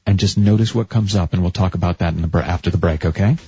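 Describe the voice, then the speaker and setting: A man's voice: low voice, fast, dark tone, breathy edge, muffled recording. A man hosting a call-in radio advice show, talking in a chatty, coaching way and often restarting his sentences. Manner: chatty, self-interrupting, coaching tone. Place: radio studio.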